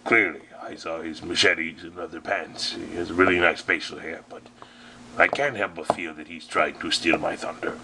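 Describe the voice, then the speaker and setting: A man voicing a vain, scheming male mummy sorcerer villain in a toy figure parody play, with a slow, deep, mock-menacing drawl. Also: steady tone, creaky, background noise. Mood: jealous.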